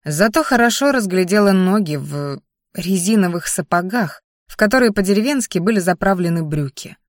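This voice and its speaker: A woman reading a first-person novel aloud as narrator, with a lively, ironic inner voice. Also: fairly low pitch, normal speed, no echo, studio quality. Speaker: audiobook narrator.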